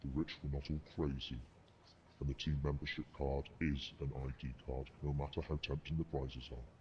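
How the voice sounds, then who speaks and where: A man's voice: very deep voice, little pitch movement, normal speed. An actor playing a menacing, solemn masked resistance spokesman delivering an ominous propaganda broadcast in a video game. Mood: grave defiance. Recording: muffled lo-fi tape with noise.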